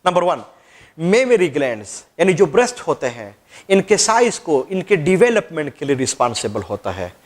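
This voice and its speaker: A man's voice: a little high, very animated, normal speed. A man teaching a class, asking questions and answering them himself. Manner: repetitive, quizzing students then answering himself. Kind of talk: classroom lecture.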